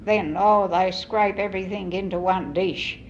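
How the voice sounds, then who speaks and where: A woman's voice: medium pitch, steady tone, unhurried. A woman chatting exclaimingly about old household memories in an interview. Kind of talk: reminiscing interview. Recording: muffled tape with faint hiss.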